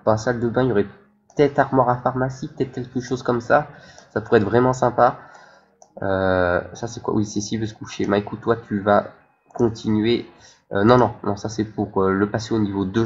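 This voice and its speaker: A man's voice: fairly low pitch, breathy edge, dull audio. A man hosting a let's play, commenting as he plays and thinking aloud with many hesitations. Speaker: gaming channel host.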